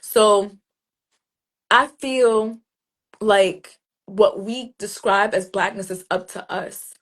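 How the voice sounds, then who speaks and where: A woman's voice: mid-range voice, slow. A woman, a poet guest in an interview, telling stories in a casual way and acting out street greetings. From New Jersey, USA. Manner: animated storytelling, acts out street greetings in other voices.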